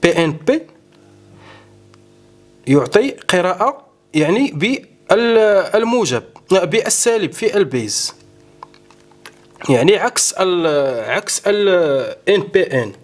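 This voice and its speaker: A man hosting an electronics tutorial, explaining a hands-on demonstration step by step and often pausing with fillers. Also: high voice, sing-song. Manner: explanatory, keeps saying "look" to viewers, frequent hesitations.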